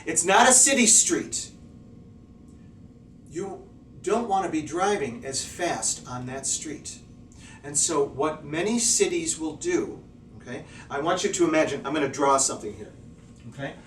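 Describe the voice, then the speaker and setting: A man's voice: on the high side, measured pace, long pauses, a little hiss or hum. Man teaching English in an echoey room. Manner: lively, checks in constantly with "okay?" and "right?". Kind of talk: classroom-style video lesson. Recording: echoey room, voice a bit far off.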